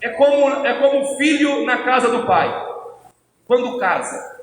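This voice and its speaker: Preacher guy yelling his sermon, really high voice, echoey church. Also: expressive, unhurried, a little hiss or hum. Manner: shouting, chanting fervently. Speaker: pastor. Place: church hall with congregation. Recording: echoey church hall, crowd.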